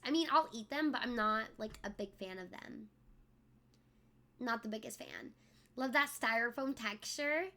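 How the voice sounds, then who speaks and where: A woman's voice: on the high side, pushed and bright. A young woman streaming live, chatting playfully with her viewers and reading their messages aloud in a sing-song way. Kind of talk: casual live-stream chat.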